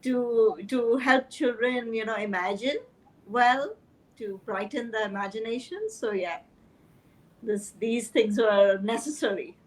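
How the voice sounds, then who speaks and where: A woman's voice: on the high side, measured pace, poor audio. A woman who is a life coach, speaking as a guest in a casual chat, thoughtful and hesitant, with fillers.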